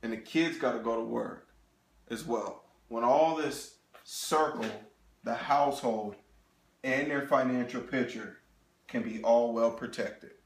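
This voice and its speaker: A man in his thirties giving a sales seminar presentation, animated and talking straight to the audience with frequent check-ins. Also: medium pitch, a little slow. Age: 30s. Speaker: financial presenter. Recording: echoey room.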